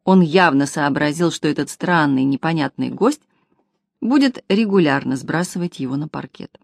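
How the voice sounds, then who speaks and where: Lady reading an audiobook, lowish voice, close mic, totally dry sound. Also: expressive, normal speed, creaky, darkish tone, no echo. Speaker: audiobook narrator. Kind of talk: scripted narration of a humorous detective novel.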